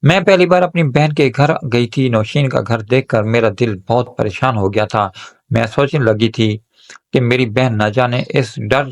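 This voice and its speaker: A man narrating an emotional moral story in the first person as a young woman, in a steady, emotional reading voice. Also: mid-range voice.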